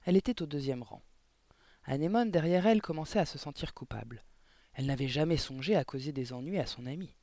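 A man reading a children's novel aloud as expressive audiobook narration. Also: a little high, quick pace, dry recording. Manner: expressive storytelling. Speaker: audiobook reader. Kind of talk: scripted narration.

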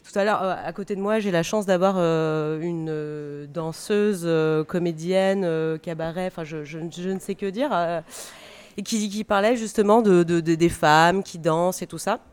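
A woman's voice: on the low side, moderate pace, darkish tone, clear, resonant tone. A woman speaking conversationally as a radio panel guest, often searching for her words. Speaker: guest, stage director and drama teacher.

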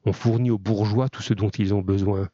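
A man's voice: on the low side, steady tone, brisk, mellow, no room sound, lo-fi sound, lightly acted. A man voicing a streetwise young male convict who boasts in a matter-of-fact way. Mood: boastful.

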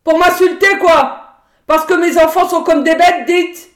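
Une mère paysanne hargneuse, incarnée par une femme, qui geint d'une voix de fausset puis hurle. La voix est haute, l'élocution lente, et l'enregistrement sonne creux, avec beaucoup de réverbération. Le ton reste celui d'une lecture de livre audio dramatique. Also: female voice, lively intonation, a little slow. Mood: furious. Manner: whining falsetto turning to shouting. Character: harsh, sly peasant mother, bitter and furious. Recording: roomy echo.

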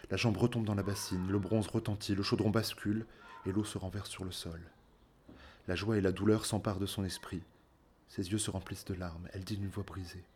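Deep voiced guy reading a story out loud, calm and measured. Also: slight background noise. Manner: calm, measured, softly dropping phrases. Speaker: narrator.

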